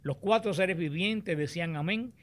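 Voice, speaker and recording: Man, raised pitch, Bible teacher, measured explanatory delivery, scripture reading. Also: a bit bright. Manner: explanatory, reads scripture aloud deliberately.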